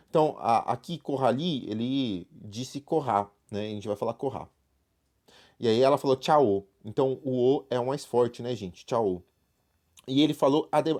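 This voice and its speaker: A man's voice: medium pitch, a little mellow. Man explaining French in Brazilian Portuguese. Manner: explanatory, frequent "né?" and "tá?" tags. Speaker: French teacher. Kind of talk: online class walkthrough.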